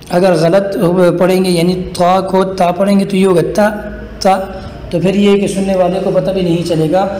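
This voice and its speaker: A man from Pakistan teaching a recorded lesson on reading Arabic letters, patient and slow as he draws out each letter sound. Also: high voice, dark tone, roomy sound, long reverb tail, a little hiss or hum.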